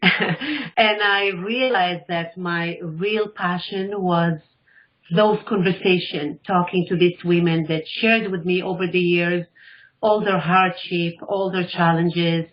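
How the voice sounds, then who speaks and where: Speaking slowly in a voice on the low side, a middle-aged woman from Israel shares her story as a radio guest. She's a life coach, and in this casual interview she narrates animatedly, performing the quoted lines of others. The lo-fi recording sounds dull.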